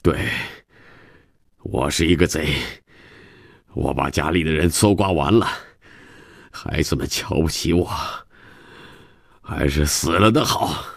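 A man's voice: deep voice, expressive, drawn-out words, no room sound, studio quality, full character voice. A man voicing an ashamed, drunken middle-aged father who mumbles and pleads hesitantly. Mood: self-pitying.

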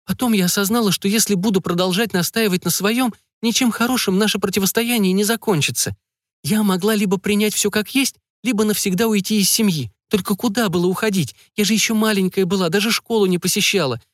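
A man's voice: high-pitched, fast, dry recording, clean studio sound, pitched above the performer's own voice, natural voice. A man voicing a spirited young island girl who speaks earnestly and with defiance. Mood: frank, defiant.

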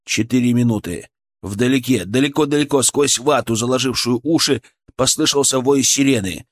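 A man's voice: mid-range voice, normal speed. A man reading a fantasy audiobook in the first person, telling a tense story in a dramatic way. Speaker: audiobook narrator.

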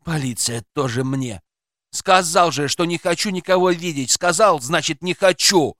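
A man's voice: fairly high pitch, normal speed, a bit bright, no room sound, studio quality, natural voice. A man reading aloud and voicing a hostile, paranoid gray-haired developer who snarls and barks at intruders. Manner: snarling, barking orders.

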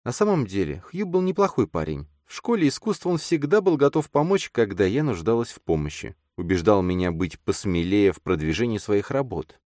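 Guy doing a teasing soft-spoken woman, voice pushed up high, storybook read, dry sound. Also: dry recording, close to an everyday voice. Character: affectionate adult woman, artist, playful. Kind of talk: audiobook character reading.

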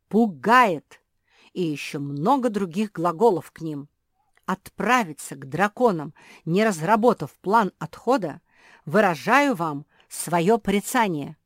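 A woman's voice: on the low side, no echo, clean studio sound. A woman voicing a clever male pug who speaks in a formal, pedantic, scolding way. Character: smartest male pug, stern and lecturing.

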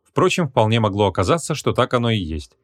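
A male narrator with a somewhat low voice reads a humorous fantasy novel aloud. His delivery is measured and expressive, with an audiobook storytelling tone. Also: dry recording, clean studio sound.

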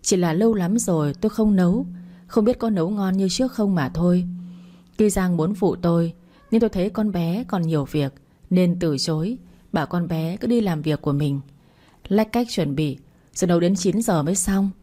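A woman narrating a first-person family drama story in an even, unhurried way. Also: fairly low pitch.

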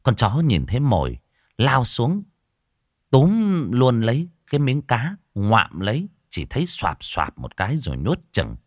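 A man's voice: mid-range voice, a little slow, no room sound, studio quality. A man telling a comic village story, acting out all the voices. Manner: lively, acting out many voices.

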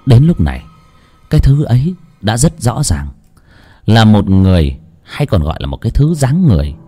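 A man narrating a horror story in a dramatic, expressive reading. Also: on the low side, normal speed. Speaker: audiobook narrator. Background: soft music.

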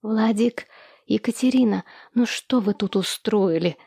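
A woman reading an audiobook, voicing an older woman who reproachfully tries to calm a quarrel. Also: medium pitch, a little slow, creaky, slightly rough, no echo, clean studio sound.

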